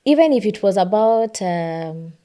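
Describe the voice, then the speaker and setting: A woman with a Kenyan accent co-hosting a political discussion podcast, talking in an animated, emphatic way and repeating phrases for effect. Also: mid-range voice, measured pace, clear, resonant tone. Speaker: podcast co-host.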